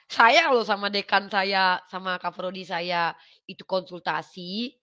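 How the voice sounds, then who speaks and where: Bright, animated woman livestreaming. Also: mid-range voice, unhurried. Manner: animated, quotes others in acted voices. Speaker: live streamer commenting on religious controversy. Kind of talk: casual livestream talk.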